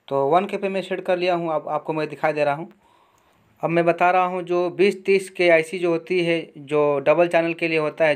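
Man slowly walking through a repair. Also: a little high, clean tone. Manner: explains step by step, slow and repetitive. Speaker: electronics repair teacher. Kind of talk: hands-on repair tutorial.

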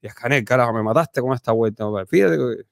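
A man with a Cuban accent hosting a casual commentary livestream, animated and talkative, swinging between loud exclamations and low mutters. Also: fast, creaky, dry recording. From Cuba. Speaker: host.

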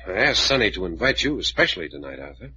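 An actor playing a brisk, proper adventurer in a 1940s radio drama, heard through an old AM radio broadcast. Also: male voice, deep voice, very animated, bright, forceful tone, husky, dry recording, exaggerated voice. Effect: old AM radio broadcast sound. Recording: dry, muffled old AM radio recording.

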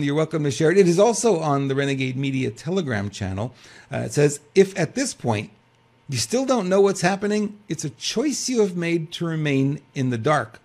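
An older man co-hosts a news talk show from a webcam setup, his voice swooping up and down as he fires off rhetorical questions. He reads headlines, then breaks into loose, restart-filled commentary. The pitch sits a little high for a man. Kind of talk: casual commentary and reading news aloud.

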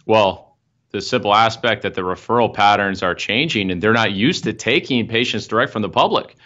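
Over dull-sounding video-call audio from an office room, a young marketing consultant answers interview questions about his firm's process. His voice is fairly low and a bit bright, his pace normal, and he uses plenty of fillers.

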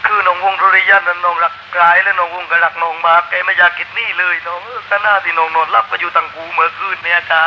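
A man's voice: sits high, a little hiss or hum, pitched below the performer's own voice. A male shadow puppeteer voicing a loyal female court attendant who confides a secret hesitantly. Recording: muffled recording with traditional music behind.

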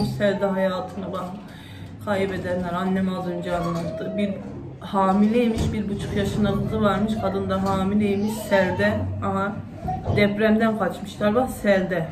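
Woman, 30s, home vlogger; heartfelt, tearful-edged prayer and chat; roomy echo, steady background noise. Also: mid-range voice. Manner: emotional, voice breaking at times between tears and laughter. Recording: echoey room with noticeable background noise.

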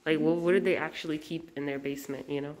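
A woman's voice: deep voice, fairly even intonation, fast, darkish tone. A woman in her twenties vlogging casually while touring a historic house and garden, talking enthusiastically and saying "like" a lot. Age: 20s. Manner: chatty, enthusiastic, lots of "like". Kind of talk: casual chat. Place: historic house museum and garden, indoors and outdoors.

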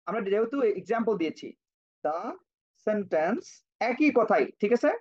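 A man's voice: high voice, animated, unhurried, darkish tone. A man teaching English grammar to children in an online class, patiently repeating, spelling words out and checking on students by name. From Bangladesh. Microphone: cheap computer microphone. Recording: dull lo-fi online-class audio.

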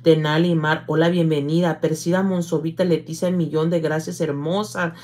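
A middle-aged woman hosts a casual livestream, greeting viewers by name as she reads their comments. Her voice sits a little low, and her speech is warm toward her viewers but halting, with some stumbles. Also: flat delivery. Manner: affectionate, calls viewers "hija", halting with slips. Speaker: livestream host.

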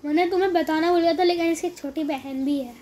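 Roleplay player, high voice, calm bossy big-sibling manner. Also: quick pace. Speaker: roleplay player as older brother. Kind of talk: casual gaming roleplay chat.

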